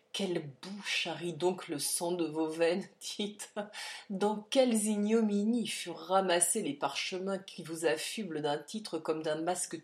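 A woman's voice: fairly low pitch, a little mellow, lightly acted. Woman reading proud defiant countess, cutting and scornful, audiobook.

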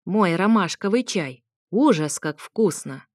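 A bold, bossy grandmother in an audiobook, put on by a woman reader. She scolds and mocks at full volume, and her voice sits low and close. The recording is dry, with no room sound. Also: expressive, unhurried, no room sound. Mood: merry. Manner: loud, scolding, mocking. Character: grandmother, bold, brash and commanding.

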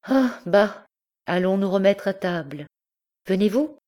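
A woman's voice: medium pitch, lively intonation, measured pace, darkish tone, voice pushed up, natural voice. A woman reading an audiobook voices a pale, ailing young courtesan, bitter yet tender, with a lilting, slightly bitter manner. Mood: coaxing.

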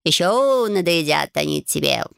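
A woman's voice: deep voice, lively intonation, unhurried, creaky, clean tone, dry recording, clean studio sound, heavily acted. A woman voicing a grumpy, cheeky male talking cat who grumbles and bosses people around in a storybook reading. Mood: grumbling.

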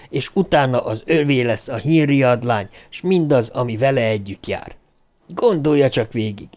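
A man's voice: mid-range voice, a little mellow, lightly acted. A male audiobook reader voicing a cold, scheming ruler who threatens a young man at gunpoint. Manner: icy, clipped, menacing.

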